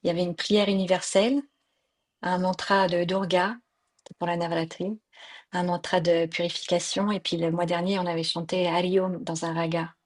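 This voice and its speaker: A woman's voice: on the low side, level tone, normal speed. A woman leading an online mantra workshop, patiently explaining pronunciation with frequent fillers, heard through a computer mic on a video call. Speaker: mantra and yoga teacher.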